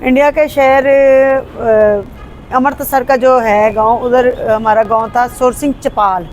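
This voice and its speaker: Interview guest: Punjabi-accented woman, unhurried and hesitant, recorded outdoors with faint street noise. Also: fairly high pitch, fairly even intonation, darkish tone. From Pakistan. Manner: hesitant, with frequent fillers and restarts. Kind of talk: casual conversational interview.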